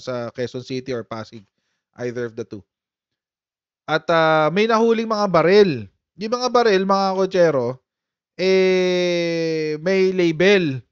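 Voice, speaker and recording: A man with a slightly high voice hosts a chatty live-stream commentary, laughing often as he riffs to his viewers. The sound is dry and close, with a dull, muffled lo-fi quality. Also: clean tone, no room sound. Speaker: political commentary host.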